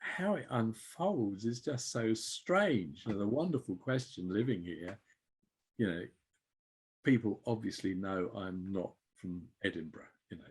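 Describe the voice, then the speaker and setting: Older man, low husky voice. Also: expressive, measured pace, a little mellow. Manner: reflective, chuckles while telling anecdotes. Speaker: interview guest. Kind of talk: conversational storytelling.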